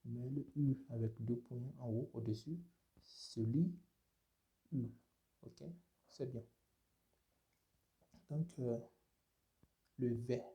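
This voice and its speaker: Homme lent, voix très sombre, professeur. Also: male voice, mid-range voice, slow, pauses often, warm tone. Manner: repeats sounds for learners to echo, many "euh" fillers. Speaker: language teacher. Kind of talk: slow spoken language lesson.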